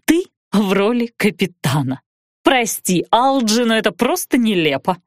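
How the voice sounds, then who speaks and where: A woman voicing a haughty, capricious young blonde woman who speaks in a drawn-out, imperious, snappish way. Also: mid-range voice, big pitch swings, dry recording, studio quality. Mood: condescending.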